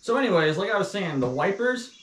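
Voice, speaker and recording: With a bright, high, sing-song voice and a brisk delivery, this Missouri man spins casual stories on the live chat he co-hosts with his partner, full of comically exasperated complaints. Faint noise and a distant, roomy mic color the sound.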